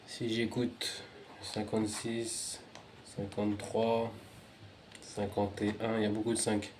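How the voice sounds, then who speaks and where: A man's voice: lowish voice, completely flat delivery, takes it slowly, echoey room, a little hiss or hum. Man murmuring scripture, then reciting aloud. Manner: muttering asides, rising to loud recitation. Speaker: religious reader. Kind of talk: reading and commenting on scripture.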